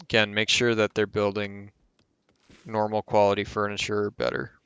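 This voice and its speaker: Low, smooth-voiced man explaining a game. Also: completely flat delivery, moderate pace, a bit bright, dry recording, dull audio. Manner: rambling, corrects himself mid-sentence. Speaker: game tutorial host. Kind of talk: casual gameplay tutorial commentary.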